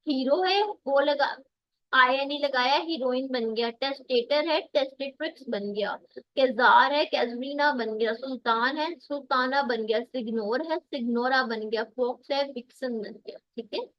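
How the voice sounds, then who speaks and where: A woman with a Pakistani accent giving an online grammar lecture, explaining step by step and reading English examples slowly. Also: sits high, no room sound, muffled recording. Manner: explains step by step, reads English examples slowly, often checks "theek hai". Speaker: teacher. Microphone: dull dry lo-fi mic on a video call.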